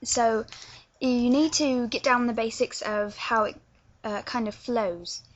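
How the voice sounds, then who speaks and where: A woman's voice: a little high, fairly even intonation, takes it slowly. A woman from London with a London accent, hesitantly explaining accents in a casual tutorial vlog and often stumbling over her words. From England. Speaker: vlogger teaching accents. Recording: dull lo-fi webcam sound.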